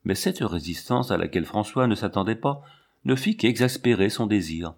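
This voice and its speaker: A man reading a novel aloud as an audiobook narrator, in a measured, even manner. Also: lowish voice, gravelly. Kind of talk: scripted narration.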